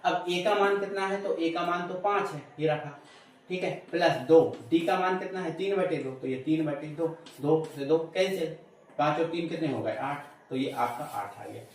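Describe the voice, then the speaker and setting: A man's voice: a little high, moderate pace. A male maths teacher explaining sums step by step, adding "है ना" and "ठीक है", asking questions aloud and answering them himself. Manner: repeats prompts like "है ना" and "ठीक है" to check understanding; playful asides while explaining. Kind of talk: chalkboard maths lesson. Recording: very echoey room, voice from a distance.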